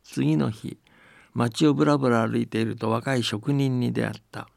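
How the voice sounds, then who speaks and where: This folktale radio host, a man, mixes storytelling with casual commentary, his folksy chat inviting listeners to agree. He speaks at a moderate pace with a steady, mid-range voice that is a little mellow and touched by vocal fry, recorded in a studio with no room sound.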